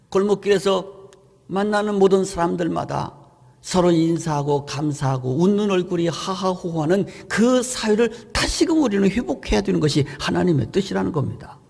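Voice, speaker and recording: A middle-aged male pastor delivers a sermon in a high, gravelly voice. He drives his points home with emphatic rhetorical questions. His voice rings out with the long reverb of a church sanctuary.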